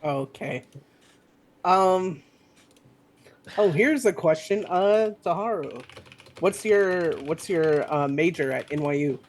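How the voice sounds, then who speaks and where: A man in a casual stream chat with friends, teasing them with quick quips. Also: fairly high pitch.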